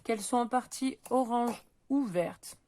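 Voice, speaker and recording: A woman teaching a middle school math lesson, working through probability exercises out loud in a patient, step-by-step way with many small hesitations. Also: on the high side, a little slow, no room sound. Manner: patient, talks while counting and pointing things out, frequent "euh" and "donc". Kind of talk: recorded lesson, correcting exercises aloud.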